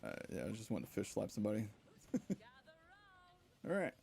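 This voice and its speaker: A man streaming gameplay live, excitedly commenting, laughing often and talking to his viewers. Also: lowish voice, normal speed, gravelly. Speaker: game streamer.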